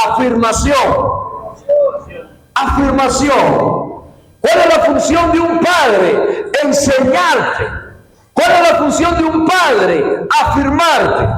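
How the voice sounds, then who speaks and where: A man preaching a sermon, calling for responses and shouting emphatic lines. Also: very high voice. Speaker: pastor. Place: church hall. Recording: echoey church sound.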